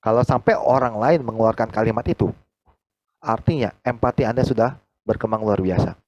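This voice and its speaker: A man, leading a team training over a video call, animated and acting out quoted conversations. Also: fairly quick, no room sound, lo-fi sound. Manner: animated, acts out quoted dialogue with big pitch jumps.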